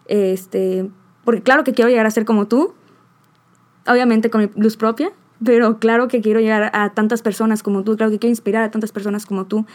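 A woman's voice: a little high, fairly even intonation, a little fast, darkish tone. A young woman hosting a podcast, talking heartfelt and rambling. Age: young adult. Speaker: podcast host. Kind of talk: emotional podcast chat.

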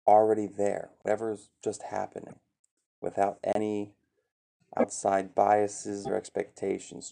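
A man leading a meditation session in a calm, gentle teaching voice with some fillers. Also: on the low side, vocal fry. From USA. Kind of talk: calm guided meditation talk.

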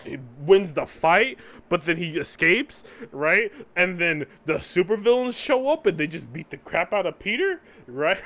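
A man's voice: high-pitched, sing-song, a little slow, fairly bright tone. A man co-hosting a podcast, chatting casually about comic books and tagging his points with "right?". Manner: tags sentences with "right?"; laughs often between points. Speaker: podcast co-host. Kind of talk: casual comic book discussion.

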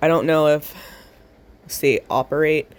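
A woman keeps a casual spoken diary on a handheld recorder held to her mouth, her low voice steady in tone. She rambles, swears freely, and speaks slowly, pausing at length.

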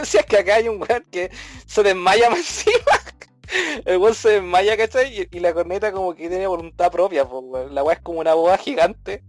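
A man with a Chilean accent co-hosting a podcast, telling stories in lively, slang-heavy casual chat. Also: sits high, no room sound. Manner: animated storytelling full of slang, acting out scenes. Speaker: podcast co-host.

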